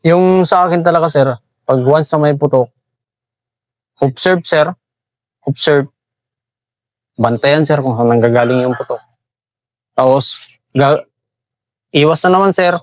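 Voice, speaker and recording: Brief: soldier man from basilan, respectful and halting, slightly high pitch, dry close sound. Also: no echo. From Basilan, Philippines. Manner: deferential, says "sir" after nearly every phrase, halting. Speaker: army staff sergeant. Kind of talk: interview answers.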